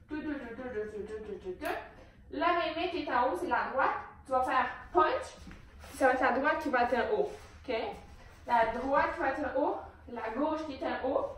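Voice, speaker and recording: A woman's voice: high-pitched, a little hiss or hum. A young woman with a Québécois accent teaching a hip hop dance class, counting beats and calling out moves. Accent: Québécois French. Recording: very echoey room, distant mic.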